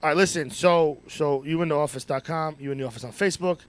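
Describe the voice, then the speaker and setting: A man hosting a live podcast from an office, joking loudly and cursing often. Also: on the high side, fast, clean tone. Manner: loud, joking, profane. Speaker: podcast host. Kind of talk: casual live podcast chat. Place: office studio. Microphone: headphones and studio mic.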